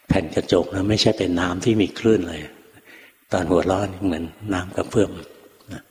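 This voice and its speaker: Deep-voiced older monk in a reverberant hall. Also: male voice. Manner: calm, unhurried storytelling with quoted teachers. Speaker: Buddhist monk teacher. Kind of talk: dharma talk storytelling. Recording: long hall reverb, faint noise.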